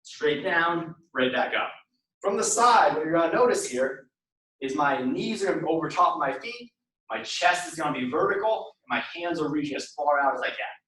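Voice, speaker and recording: Echoey male fitness instructor, slightly high voice. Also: expressive, moderate pace, pushed and bright. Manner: clear step-by-step cueing, repeating short instructions. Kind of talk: live workout instruction and counting down reps. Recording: echoey room, voice far from mic.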